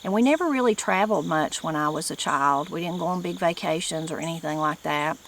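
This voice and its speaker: A middle-aged woman with a strong Appalachian accent from the mountains of western North Carolina speaks in a fairly low voice. She talks informally to her viewers in a folksy way, using regional turns of phrase. Insects chirp in the noticeable background noise. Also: brisk, a bit bright. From western North Carolina, United States. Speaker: online channel host and presenter. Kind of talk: informal talk to camera.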